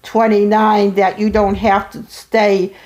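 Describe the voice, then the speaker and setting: A woman's voice: medium pitch, little pitch movement, slow, a little mellow. An older woman talks casually in a family phone conversation, rambling and repeating herself. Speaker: mother on a family phone call.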